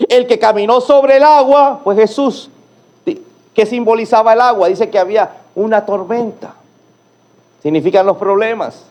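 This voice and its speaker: A male pastor delivers a sermon full of emphatic rhetorical questions. His voice swings from hushed, low phrases to loud, rising calls.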